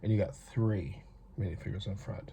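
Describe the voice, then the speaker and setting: A man's voice: sits low, fairly even intonation, moderate pace, gravelly, warm tone, lo-fi sound, slight background noise. A man from North America giving a rambling, chatty hands-on toy review with self-aware asides.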